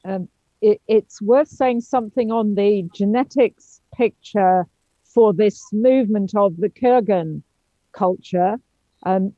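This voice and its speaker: A woman's voice: medium pitch, dark tone, dry recording, lo-fi sound. A woman chairing an academic seminar. She speaks hesitantly, with many ums and restarts. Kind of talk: academic discussion.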